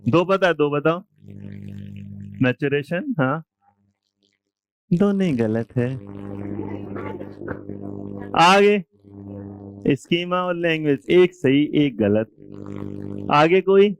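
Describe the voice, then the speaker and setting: A man's voice: fairly high pitch, takes it slowly, gravelly, long pauses. A male teacher from India giving a classroom lecture, quizzing and teasing his students. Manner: lively, quizzes and teases students.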